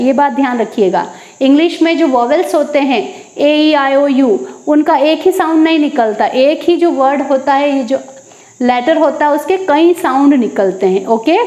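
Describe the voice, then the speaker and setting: A woman teaching English at a board, slowly repeating each word and then answering her own questions. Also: high voice, darkish tone, roomy sound, dull audio. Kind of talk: classroom lesson. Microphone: teaching at a board with a marker.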